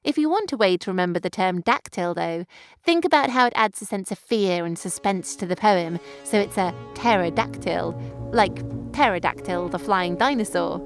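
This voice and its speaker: A woman, explaining a poem clearly and engagingly in a scripted tutorial. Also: medium pitch, lively intonation, normal speed, faint music behind. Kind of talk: scripted educational narration.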